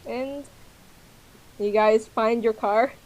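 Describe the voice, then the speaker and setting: A woman game master narrating a tabletop game casually, improvising in a halting way. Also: fairly high pitch, steady tone, darkish tone, highs cut off. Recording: noisy recording with clicks.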